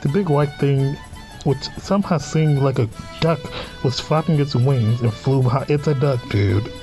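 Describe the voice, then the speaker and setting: A let's play host, male, reads through a visual novel at a moderate pace in a mid-range voice. Between read-out lines he tosses in casual remarks and reactions while game music plays.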